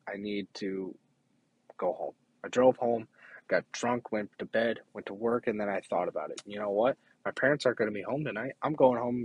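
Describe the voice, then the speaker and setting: A young man giving a halting, earnest personal testimony, often restarting his sentences. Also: fairly low pitch, husky, no echo.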